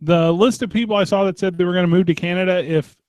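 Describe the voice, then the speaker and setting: Playful high-voiced radio co-host. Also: male voice, fairly even intonation, quick pace, a little mellow, no room sound. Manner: playful, teasing. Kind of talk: casual chat.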